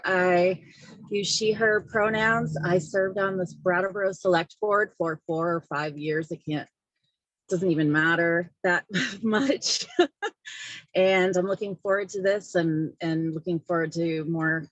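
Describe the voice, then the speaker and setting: A woman calling in by phone from a parked car, breezy and quick to laugh. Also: lowish voice, a bit bright, dry recording, low-quality recording. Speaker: panelist, former board member. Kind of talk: video call from a parked car.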